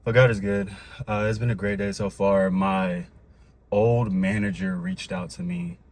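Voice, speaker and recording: Breathless young man vlogging, low voice. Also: unhurried. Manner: upbeat, rambling, faith-filled talk with fillers. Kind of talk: casual vlog talk. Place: Dallas, Texas.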